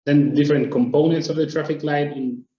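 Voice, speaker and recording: A man from Argentina, presenting a webinar in a steady, explanatory way. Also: a little high, a little fast, reverberant, dull audio. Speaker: traffic planner presenting.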